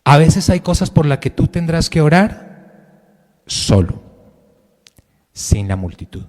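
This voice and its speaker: A man preaching a Sunday sermon as pastor, asking the congregation questions and swinging between loud and quiet. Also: on the high side, animated, slow pace, in a large hall. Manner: preaching with sudden rises and drops in loudness, direct questions to the congregation. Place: church hall.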